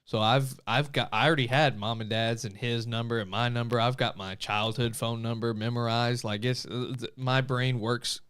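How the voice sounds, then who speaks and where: A man with a smooth, clean voice and a middle pitch co-hosts a casual online talk show. He tells stories in an animated way, breaking into laughter and acting out what people said. His tone stays relaxed and chatty. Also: moderate pace, few pauses. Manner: animated storyteller, laughs often, acts out quotes. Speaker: podcast co-host. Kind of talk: casual chat, storytelling.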